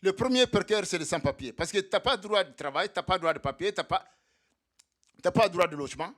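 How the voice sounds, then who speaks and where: At a solidarity evening in a meeting hall, a man speaks up for undocumented migrants in a militant address to his comrades. His voice sits high with a fairly bright tone, and his brisk, animated delivery circles back to the same points to stir the crowd.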